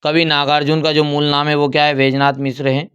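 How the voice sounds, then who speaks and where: A young male teacher works through an exam paper. His voice sits a bit high and sounds smooth and clean. He slows down and repeats key answers as if dictating them to students. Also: flat delivery, fairly bright tone.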